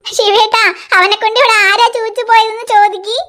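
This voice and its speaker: A woman's voice: extremely high pitch, level tone, a little fast, pushed and bright. A woman voicing a patient, teasing young mother in a cartoon, soothing and coaxing. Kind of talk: cartoon voice acting.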